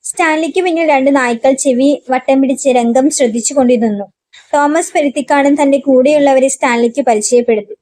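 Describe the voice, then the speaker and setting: A woman narrating a novel aloud in a steady storytelling manner. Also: sits high, dry recording.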